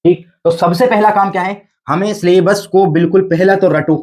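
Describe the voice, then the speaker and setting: A man's voice: high-pitched, fairly even intonation, normal speed, darkish tone. A man teaching an exam preparation class, coaxing his students with repeated rhetorical questions and frequent check-ins. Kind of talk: exam coaching lecture.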